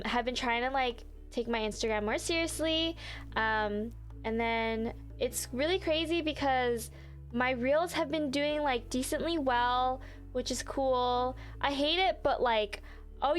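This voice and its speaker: A young woman livestreaming in a casual, chatty way, apologetic and full of fillers. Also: fairly high pitch. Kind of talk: casual live-stream chat. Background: faint background music.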